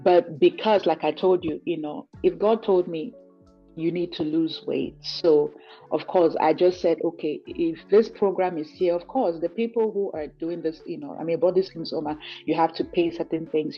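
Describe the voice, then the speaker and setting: A woman's voice: sits low, steady tone, moderate pace, breathy edge, highs cut off, faint music behind. A woman from Cameroon giving a testimonial in an interview, earnest and reflective, often saying "you know". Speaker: guest giving a client testimonial. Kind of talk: conversational interview over a call.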